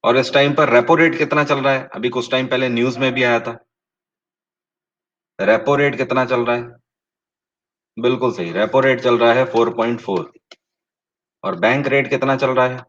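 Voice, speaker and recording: A male teacher runs a live online quiz, slowing down to read each question and then talking straight to his students with pointed emphasis. His voice sits at a middle pitch, and the audio is a touch dull and lo-fi. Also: steady tone, fairly bright tone. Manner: reads questions in English slowly, explains in Hindi with rising emphasis; addresses live viewers directly, asks and confirms answers. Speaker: online exam-prep teacher.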